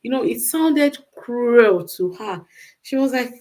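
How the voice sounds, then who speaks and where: This unscripted monologue comes from a livestream host with a Nigerian accent who counsels viewers on relationships. She speaks slowly, her high-leaning voice expressive and mellow, and she repeats phrases emphatically for stress.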